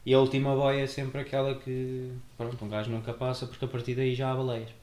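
Young man, European Portuguese accent, fast casual chat, animated storytelling, echoey room, faint hiss. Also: mid-range voice. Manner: animated storyteller, acts out voices. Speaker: podcast co-host.

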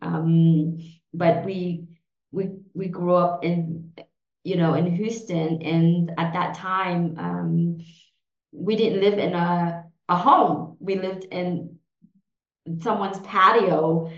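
Slow and fairly even in intonation, her voice sitting on the low side, a Vietnamese podcast guest in her forties, a native speaker, hesitates through her answers with frequent fillers and restarts. It's a roomy, dull, lo-fi recording.

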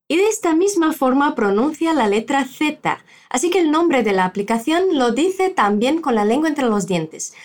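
A woman from Brazil teaching a spoken language lesson, slowing down to model phrases for the listener to repeat after her. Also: high voice.

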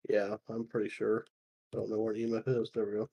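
Husky, very dark-voiced man. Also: completely flat delivery, quick pace, dull audio. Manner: low-key, mumbling quiet asides. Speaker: podcast co-host. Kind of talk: casual gaming chat.

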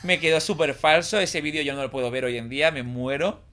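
A young man from the Valencia region with a Valencian accent, whose first language is Valencian, chatting casually on a podcast and telling a lively, slangy anecdote. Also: on the high side, a little fast, noisy background. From Valencia region, Spain. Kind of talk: casual chat, storytelling.

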